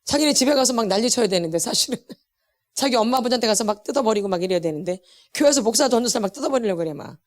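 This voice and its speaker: A woman's voice: on the high side, rapid-fire. Emphatic woman teaching in a church. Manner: animated, emphatic, repeats words, laughs while talking. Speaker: pastor's wife teaching a healing class. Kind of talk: church lecture.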